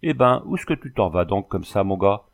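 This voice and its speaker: A man's voice: lowish voice, animated, fairly quick, vocal fry. A man voicing a talkative, curious old widow in a storybook, folksy and pious in manner. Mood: chatty. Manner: loquacious, folksy.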